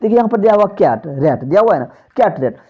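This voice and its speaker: A man's voice: sing-song, fairly quick, breathy edge. A male teacher giving an exam-prep lecture, who keeps asking his own questions and answering them and lets his voice drop at the end of phrases. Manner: drops pitch on closing phrases. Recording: slightly dull, lo-fi recording.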